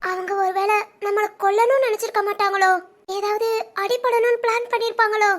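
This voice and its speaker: A woman's voice: fairly even intonation, fairly quick. A woman voicing a fragile, devoted young wife in a cartoon family drama, talking in a tearful, pleading way. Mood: suspicious. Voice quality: very high, girlish.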